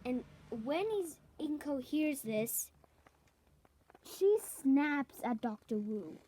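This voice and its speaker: A woman improvising a fan story out loud, halting and correcting herself as she goes. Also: high-pitched, expressive. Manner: halting, self-correcting, clears throat.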